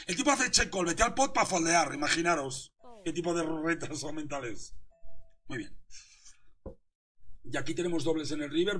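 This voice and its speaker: A man's voice: on the high side, a bit bright. A young man, a poker coach commentating his hands live and teasing a viewer in chat.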